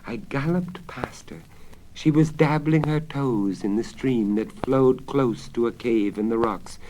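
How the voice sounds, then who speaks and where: A lovesick, tormented king, played by a man in a storybook recording. The delivery is measured, impassioned and imperious, with faint crackle from an old vinyl record. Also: medium pitch, darkish tone, natural voice. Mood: wistful. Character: anguished, desperate lovesick king, commanding and impatient. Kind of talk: dramatic storybook reading. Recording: crackly 1970s vinyl spoken-word record.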